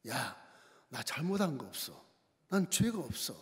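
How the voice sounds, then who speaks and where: A preacher playing meek, suffering Job. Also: male voice, medium pitch, very animated, a little slow, voice pushed down. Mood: defensive. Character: Job, suffering humbled man pleading with God. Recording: long church hall reverb.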